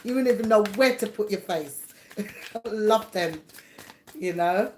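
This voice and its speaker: Speaking slowly in a medium-pitched, slightly mellow voice, a middle-aged psychic reader hosts a relaxed livestream from her home. She chats with viewers, wanders off topic, laughs a lot and greets people by name, while a little hiss or hum sits under the recording.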